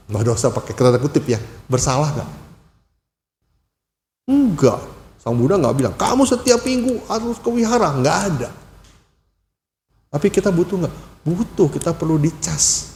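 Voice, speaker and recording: A man's voice: medium pitch, dark tone. A man giving a casual sermon as a Buddhist lay preacher, telling chatty stories and acting out the dialogue in livelier voices. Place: temple hall. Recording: echoey hall reverb.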